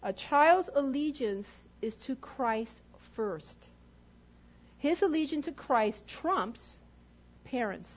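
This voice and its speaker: A woman pastor delivers a sermon in a high voice, emphatic and direct, putting rhetorical questions to her congregation. The recording sounds dull and lo-fi. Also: animated, slow.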